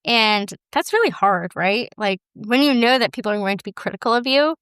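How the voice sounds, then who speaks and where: A woman hosts a casual solo podcast and talks candidly, with a lively, self-deprecating manner. Her voice sits a little high and comes across smooth and clear. The close mic is dry, with almost no room sound. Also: a little fast, no room sound. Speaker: podcast host and business owner.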